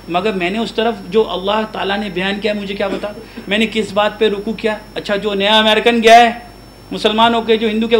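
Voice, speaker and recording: A man's voice: sits high, a bit bright, a little hiss or hum, rough recording. A man giving a religious lecture as a Quran teacher. He keeps asking his audience questions and mixes English words into his talk. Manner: asks the audience frequent questions; chants prayer verses aloud.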